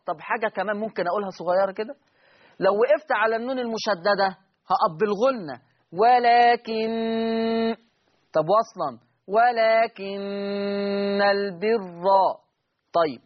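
A man's voice: high voice, breathy edge, lo-fi sound. A man with an Egyptian accent teaching a recitation lesson, patiently repeating key points and quizzing his students. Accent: Egyptian Arabic.

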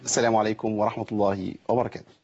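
Fast-talking Egyptian Quran teacher. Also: male voice, fairly low pitch, level tone, a little mellow, slightly rough, lo-fi sound. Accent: Egyptian Arabic. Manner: quick explanatory chatter with question-and-answer drills, slow melodic recitation. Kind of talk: tajweed lesson on a call-in broadcast.

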